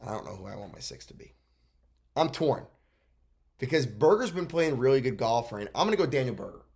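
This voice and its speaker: Young male podcast co-host, middle pitch, blunt and excitable, casual swearing. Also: brisk, gravelly. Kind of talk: casual sports chat.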